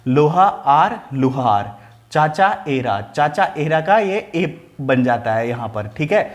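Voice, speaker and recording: हिंदी व्याकरण पढ़ाने वाला एक पुरुष शिक्षक, जो उदाहरण धीरे-धीरे दोहराता है और अपने ही सवाल पूछकर खुद जवाब देता है।. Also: male voice, mid-range voice, animated, roomy sound, muffled recording. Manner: repeats examples slowly, asks and answers own questions. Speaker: Hindi grammar teacher. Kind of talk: explaining lesson to camera.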